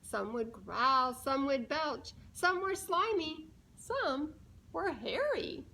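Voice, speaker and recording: A woman's gravelly voice, sitting high, animates a storybook for young children as she reads deliberately and pauses to ask them questions.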